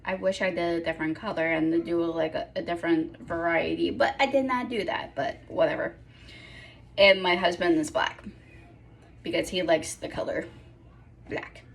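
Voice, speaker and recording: A woman's voice: lowish voice, moderate pace, vocal fry. A young woman in casual vlog chat at home, rambling and correcting herself with apologetic asides. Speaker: vlogger.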